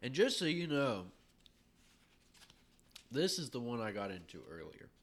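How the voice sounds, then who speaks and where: A man co-hosting a casual podcast, tasting beer and telling jokes in an animated way. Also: mid-range voice, a little slow. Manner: animated, laughs at own jokes. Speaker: podcast co-host. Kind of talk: casual chat, joke telling.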